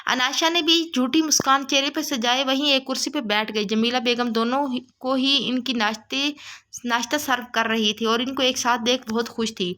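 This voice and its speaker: A woman narrating a romance novel in a steady, measured reading. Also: sits high. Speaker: novel reader. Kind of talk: storybook narration.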